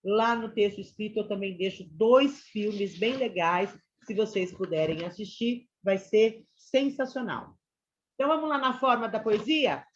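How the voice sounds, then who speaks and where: A Brazilian woman teacher giving a chatty online literature lesson to students, often checking in with them. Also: medium pitch. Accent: Brazilian Portuguese. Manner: chatty, addresses students as "gente" and "galera". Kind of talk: online class lecture. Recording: slightly dull lo-fi sound.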